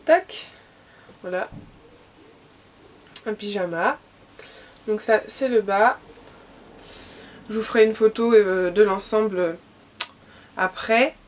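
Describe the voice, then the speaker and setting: This gift haul vlog features a young woman who has a cold, speaking slowly in a mid-range voice and pausing often. She chats casually about her presents, stumbling through plenty of fillers and restarts.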